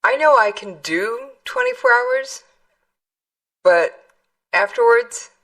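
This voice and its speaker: A woman's voice: high-pitched, huge pitch swings, slow pace, creaky, fairly bright tone, distant mic. A woman interviewing someone in a casual, conversational way.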